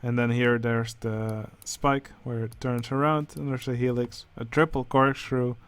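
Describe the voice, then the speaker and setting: A man with a Dutch accent, speaking English as a second language, who hosts a channel and comments casually on game contest entries, pausing often with filler sounds. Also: medium pitch, level tone, clean tone, dry recording. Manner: hesitant, many filler sounds. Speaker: channel host judging a building contest.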